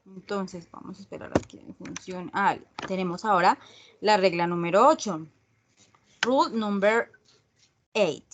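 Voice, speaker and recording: A woman's voice: medium pitch, measured pace, long pauses, a little hiss or hum. A woman teaching an online English grammar class in Spanish, patiently checking in with her students after each point. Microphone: video call.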